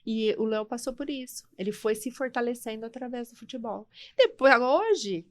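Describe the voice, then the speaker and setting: Animated Brazilian woman telling a personal story. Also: on the high side, normal speed, no room sound. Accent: Brazilian Portuguese. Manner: animated, acts out dialogue in her story. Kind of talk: emotional personal storytelling on a podcast.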